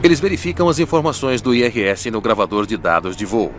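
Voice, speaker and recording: A man's voice: on the low side, fairly quick, slight background noise. A man with a Brazilian accent giving dramatic scripted documentary narration as a voice-over. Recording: studio voice-over with music bed. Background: music.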